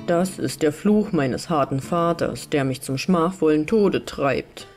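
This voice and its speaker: A woman's voice: deep voice, unhurried, darkish tone, soft background music. A woman voicing a desperate young man who pleads with his captor and laments through tears in a storybook reading. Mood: tearful. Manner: pleading, tearful.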